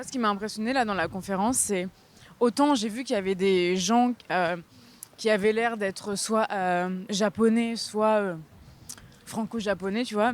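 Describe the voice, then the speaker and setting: A young woman co-hosting a podcast, chatting casually outdoors in the wind, laughing often and trailing off with fillers. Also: mid-range voice. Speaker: podcast co-host. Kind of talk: casual chat. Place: outdoors by a river, windy.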